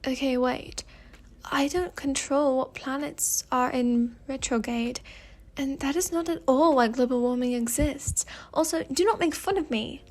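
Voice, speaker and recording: In a story reading, a woman with a British accent voices a playful, pleading spirit trapped in a mirror. Her high-pitched voice moves a little slowly, theatrical and whiny, with an indignant mood.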